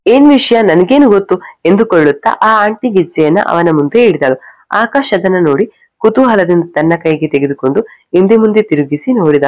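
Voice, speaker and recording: A woman reading a scripted story aloud in a steady, measured way, close to the mic. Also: on the low side, no room sound. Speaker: narrator.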